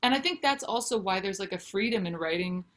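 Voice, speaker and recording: Her voice is medium in pitch and fairly quick. She's a thirty-something singer-songwriter and author in a laid-back interview over video from home, where a brick wall stands behind her, and she's frank, lively, and talks with her hands.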